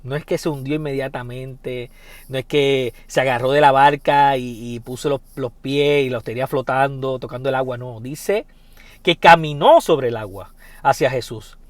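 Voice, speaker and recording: A man's voice: medium pitch, moderate pace, dry recording. Dramatic man preaching a sermon, dry sound. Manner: swings from loud dramatic scripture reading to soft reflective talk; repeats phrases for emphasis.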